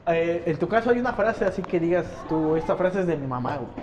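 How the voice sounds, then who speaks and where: A man's voice: on the high side, expressive, fast, noisy background. A young man with a Mexican accent, hosting a slangy casual podcast chat and steering it with questions. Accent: Mexican Spanish. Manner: slangy, asks leading questions, frequent restarts. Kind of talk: casual chat among friends.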